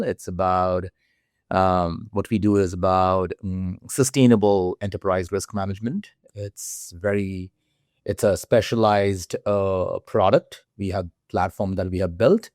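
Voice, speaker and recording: A man, a guest in an interview, talking haltingly with many fillers and restarts. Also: low-pitched, darkish tone, dry recording, studio quality. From India. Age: 40s. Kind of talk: interview conversation.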